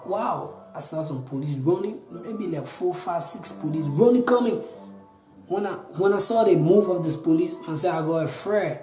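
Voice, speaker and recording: A man's voice: a little high, normal speed, dark tone, echoey room, soft background music, poor audio. A Liberian man in his twenties with a Liberian accent, telling his own story in an interview, earnest and pleading, often repeating himself. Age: 20s. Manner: pleading, repetitive, restarts often. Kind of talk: earnest personal account.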